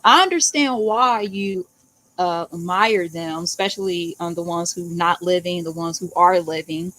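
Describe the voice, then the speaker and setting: A woman's voice: lowish voice, a bit bright, low-quality recording. A woman hosting an interview, often chiming in with short encouraging replies. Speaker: show host. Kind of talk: casual interview.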